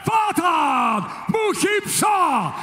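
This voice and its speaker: A man working as a ring announcer, delivering a booming stage introduction for a fight in a large arena. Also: very animated, some chatter behind. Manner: booming stage introduction with drawn-out shouted names and rapid-fire stats. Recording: echoey arena PA, some background noise.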